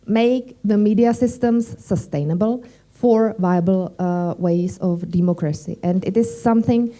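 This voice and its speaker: A conference organiser, a woman with a very mellow, dark voice at medium pitch, welcomes attendees. Her non-native English comes haltingly, with frequent hesitation. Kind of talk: welcome speech.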